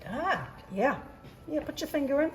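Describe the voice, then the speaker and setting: A woman's voice: high-pitched, animated, moderate pace. A woman with a New Zealand accent leading an informal hands-on demonstration, encouraging and conversational. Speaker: workshop teacher. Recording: echoey room, loud music over voice.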